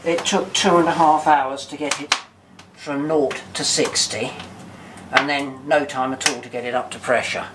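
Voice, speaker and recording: A man's voice: mid-range voice, fairly even intonation, moderate pace. An older man, a volunteer boat engineer, explaining in a practical, chatty way as he works. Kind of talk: explaining while working. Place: engine room of a steam tug, indoors. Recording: noisy engine room recording.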